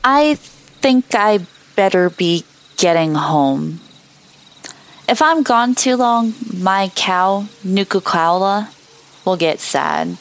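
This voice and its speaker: A woman voicing a slow, sweet young settler. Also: medium pitch, lively intonation, low-quality recording.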